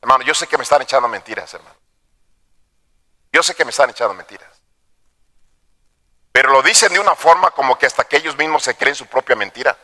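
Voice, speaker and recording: A male pastor preaching a sermon, dropping to hushed storytelling and then rising to shouted exhortation, calling his listeners brothers. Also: medium pitch, lively intonation, fast talker, pauses often, long reverb tail. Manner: addresses the congregation as brothers. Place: church sanctuary.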